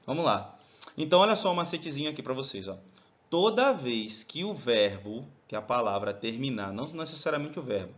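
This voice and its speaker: Male teacher, animated pitch, dull lo-fi sound. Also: fairly quick. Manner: chatty, addresses students directly with frequent check-ins. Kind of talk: lively classroom video lesson. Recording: dull lo-fi recording.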